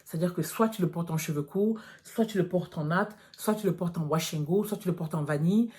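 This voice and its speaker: A woman in her thirties from France, a natural hair vlogger, chats casually with her audience and calls them girls. She's frank and direct, with a lowish, fairly quick voice and a dark tone.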